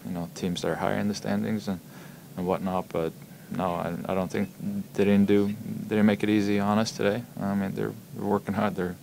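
A young hockey player fields postgame questions in a press room, a logo backdrop behind him and table microphones in front. His voice is very low and gravelly, his tone flat with little rise or fall. He hesitates constantly, padding with ums and doubled words, over a faint hiss.

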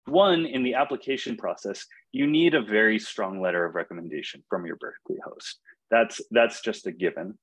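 Young man, low voice, loose webinar advice over a video call, plenty of ums and restarts. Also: normal speed, breathy edge, rough recording. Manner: relaxed, many fillers and restarts. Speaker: fellowship alumnus speaker. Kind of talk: casual webinar talk.

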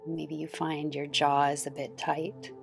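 Low and noticeably creaky, a woman's voice guides a yoga nidra meditation, speaking very slowly and gently to soothe the listener, with a flat delivery. Faint background music plays behind her.

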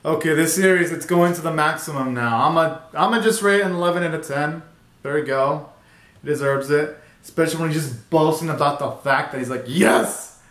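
Reacting on camera in a cramped bedroom, a young adult host fires off slangy, exclamatory remarks in a casual way. He sounds brisk, on the high side and a bit bright. The sound is roomy and echoes off the walls.

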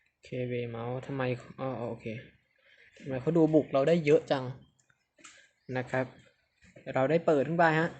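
A man's voice: mid-range voice, a little hiss or hum. A young man hosting a gaming channel, chatting to viewers as he plays a football manager game and cheering at goals. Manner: chatty, talks to viewers, excited bursts at goals. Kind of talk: let's-play football manager commentary.

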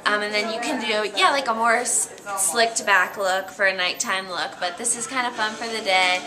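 A young American woman demonstrates hair styling in a laid-back, loosely worded way, speaking at normal speed in a medium pitch. She's in an indoor salon, recorded by a camera mic a short distance away, with music and crowd noise behind her.

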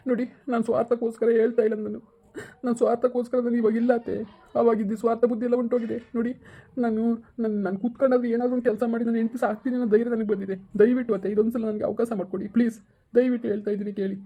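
A remorseful young son-in-law, played by a woman, begging and apologizing without pause. The voice is fairly high and races along extremely fast. It comes through tinny and phone-like. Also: flat delivery. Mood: pleading.

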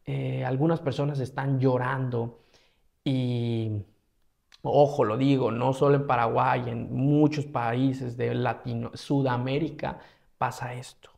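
A man from Mexico with a Mexican Spanish accent, casually telling a story as a travel vlogger, slangy and animated, acting out his own reactions. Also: medium pitch, takes it slowly, creaky.

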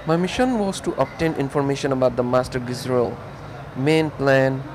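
A woman's voice: very deep voice, normal speed, darkish tone, a little hiss or hum. A man reading out the lines of a female lightning mage as she gives her mission report, in his own plain voice. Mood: matter-of-fact.

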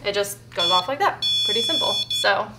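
A woman investigating a haunted lighthouse, explaining her equipment step by step and talking gently to the spirits. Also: medium pitch, lively intonation, fairly quick, very noisy. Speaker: paranormal investigator. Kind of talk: casual on-location narration. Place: old lighthouse keeper's house indoors.

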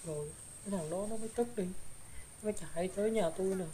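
A woman's voice: mid-range voice, fast talker, dark tone, slight background noise, natural voice. A woman with a Southern Vietnamese accent voicing the ghost of a young woman, a gossip who now regrets her deeds, rambling through her story with filler particles. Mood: rueful telling. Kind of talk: spirit possession drama.

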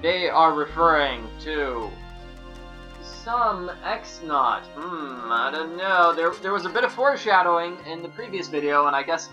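A man's voice: a little high, animated, unhurried, pushed and bright, dull audio, soft background music. A man giving casual, off-the-cuff commentary as host of a video game playthrough. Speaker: let's play host.

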